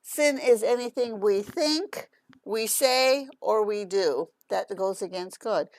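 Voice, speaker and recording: A woman giving a children's Bible lesson with a puppet, explaining things in a patient, gentle way. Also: mid-range voice, lively intonation, slow pace, no room sound.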